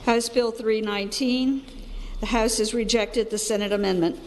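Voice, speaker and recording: A woman's voice: fairly high pitch, fairly even intonation, normal speed, in a large hall, noisy background. A woman serving as senate clerk, announcing vote tallies and bill numbers in a matter-of-fact way.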